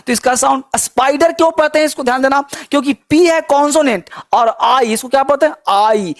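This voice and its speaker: A man's voice: very high voice, dry recording, studio quality. A man teaching English pronunciation in a lesson, repeating points and asking his students questions to keep them attentive. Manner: repetitive, coaxing, asks students questions. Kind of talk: classroom lesson.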